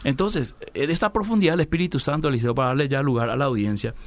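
A man's voice: medium pitch, fast. A man teaching about the Bible in a conversation, posing rhetorical questions and answering them himself, often tagging lines with a questioning "right?". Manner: often tags phrases with "¿verdad?" and addresses the interviewer by name. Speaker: preacher guest on a religious talk program.

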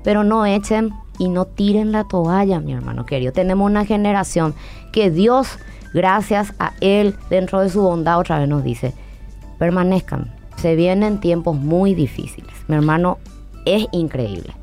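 A woman's voice: fairly low pitch, animated, moderate pace, a little mellow, faint music behind. A woman psychologist as a guest on a church-interview. She speaks earnestly and preaches, and she keeps calling the listener her brother. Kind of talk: interview on faith and parenting.

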